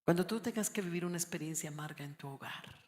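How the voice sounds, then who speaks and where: A middle-aged woman from Colombia preaching a sermon, moving between hushed storytelling and loud, shouted exhortation. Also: fairly low pitch, fast talker. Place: church. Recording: reverberant church hall.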